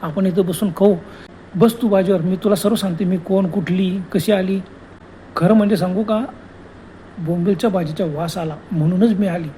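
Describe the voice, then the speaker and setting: A man's voice: high voice, fairly even intonation, normal speed, dark tone, slight background noise, lightly acted. A man doing a coaxing female ghost. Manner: coaxing, wheedling calls. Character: teasing female ghost, coaxing, cheerful and eerie.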